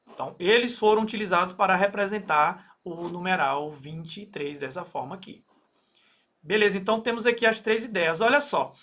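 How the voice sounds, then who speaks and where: A man's voice: high-pitched, bright, forceful tone. A Brazilian man teaching a recorded math lesson, explaining step by step with many fillers and frequent "okay?" checks. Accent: Brazilian Portuguese.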